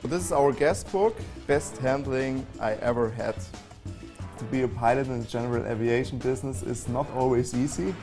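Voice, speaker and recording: A man answering interview questions about handling private jets, halting with many fillers. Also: medium pitch, over music. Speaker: private jet handling staff.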